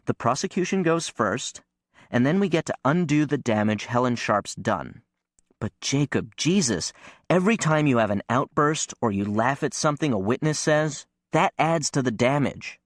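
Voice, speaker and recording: A man's voice: mid-range voice, expressive, moderate pace, no room sound, studio quality, close to an everyday voice. A man voicing an exasperated young defense lawyer who lectures sternly.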